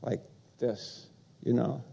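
Slow, gravelly preaching man. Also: mid-range voice. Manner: earnest, halting preaching with frequent fillers and excited rises. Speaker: pastor. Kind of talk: sermon.

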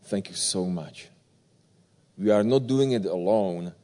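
A man's voice: lowish voice, takes it slowly, dark tone. A male guest pastor from the Republic, greeting a congregation courteously and with gratitude in simple English. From Czech Republic. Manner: courteous, grateful, simple phrasing. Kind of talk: sermon.

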